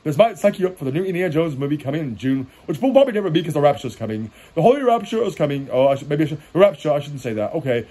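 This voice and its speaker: A man's voice: fairly high pitch, expressive, rapid-fire, few pauses, warm tone. A man making goofy comments on cartoons at home, breaking into silly songs and squeals.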